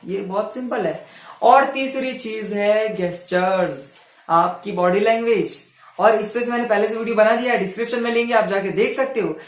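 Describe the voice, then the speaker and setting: A young man giving self-help tips to camera in a casual, animated way, swinging his voice between loud and soft on purpose. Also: sits high, echoey room. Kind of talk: casual motivational talk to camera.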